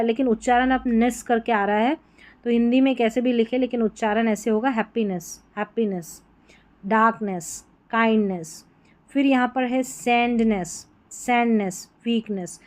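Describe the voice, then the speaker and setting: A woman's voice: fairly high pitch, a little mellow. A woman with a Hindi accent teaching English reading patterns, sounding out each word, repeating it, and quizzing the listener. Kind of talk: explaining spelling patterns.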